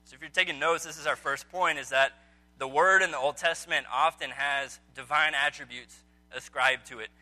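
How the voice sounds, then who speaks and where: The recording is low quality, capturing a man with a slightly high, steady voice at normal speed, pushed and bright. He leads an evening Bible study for a small group indoors, keeping it conversational, quizzing listeners, and saying um often.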